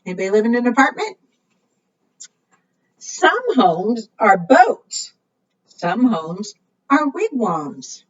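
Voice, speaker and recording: Through a muffled, far-off microphone, a woman's high-leaning, slightly rough voice reads to preschoolers with big pitch swings, going slowly and pausing often. She is a librarian running storytime, sing-song in style and regularly questioning the children.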